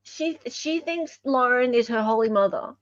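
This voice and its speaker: A woman with an Australian accent hosts an online show, casually and emphatically commenting on court documents and recordings and repeating phrases for emphasis. Her voice is on the high side and animated at a normal speed, with lo-fi sound and no room sound.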